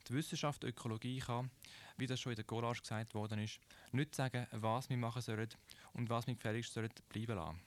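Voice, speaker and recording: Rhetorical questions run through a measured, explanatory radio commentary presented from a script. The speaker is a man with a Swiss German accent and a voice in the middle range.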